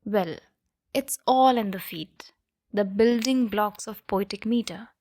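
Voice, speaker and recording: A woman's voice: mid-range voice, takes it slowly, a little mellow, a little hiss or hum. A woman teaching a lesson and checking in with listeners with frequent "okay?" and "right?". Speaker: literature teacher. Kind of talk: explanatory lesson.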